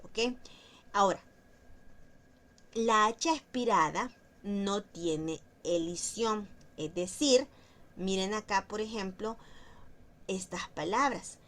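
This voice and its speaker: A woman teaching a French language lesson, explaining pronunciation slowly and repeating example words for drilling. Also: medium pitch.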